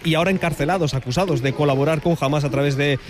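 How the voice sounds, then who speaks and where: A man filing a live news report from outdoors at a street protest, brisk and informative. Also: fairly high pitch. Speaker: field reporter.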